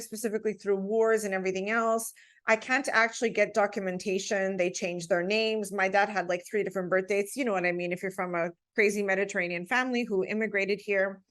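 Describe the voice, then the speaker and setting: A woman talking as a podcast guest, telling personal stories in an earnest, emphatic, conversational way. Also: mid-range voice.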